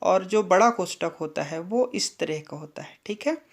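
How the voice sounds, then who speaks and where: A woman teaching Hindi grammar in a classroom-style lesson, slow and deliberate, asking the class questions and answering them herself, often checking with "ठीक है ना". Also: animated. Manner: slow, deliberate, drops to a low, quiet voice for the answers.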